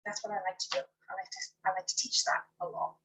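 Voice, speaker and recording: Husky-voiced woman life coach. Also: mid-range voice, completely flat delivery, fast talker, fairly bright tone, poor audio. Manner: tells stories by acting out her own past dialogue. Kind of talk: podcast interview answers.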